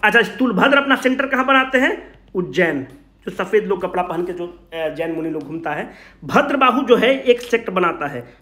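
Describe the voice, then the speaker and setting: This is a Bihari Hindi-accented exam coach whose high voice is a little bright, delivering an informal revision talk. He keeps asking and answering his own questions and hammers home key points in everyday words. The room produces a strong echo.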